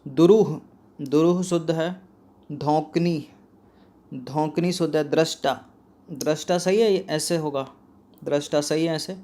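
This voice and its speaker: A man with a fairly high voice talks through a spelling quiz for exam students. He says each option aloud, repeats words to check them, and keeps turning questions to the listener. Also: steady tone, a little slow, pauses often, mellow. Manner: quizzes the listener directly. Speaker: exam prep teacher.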